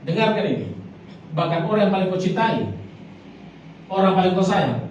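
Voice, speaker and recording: High-voiced preacher in a booming hall. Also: male voice, very animated, normal speed, darkish tone, highs cut off. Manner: emphatic, repeatedly addresses the congregation as brothers and sisters. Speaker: pastor. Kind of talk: sermon. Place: large church hall. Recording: very echoey hall, mic far off, faint noise.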